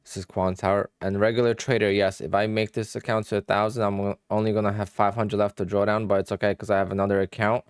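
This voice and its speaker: A young Polish-accented man speaks fast with a flat delivery and hardly any pauses, his fairly low voice smooth. While trading on a livestream, he casually thinks aloud and answers viewers' questions, recorded at studio quality without echo.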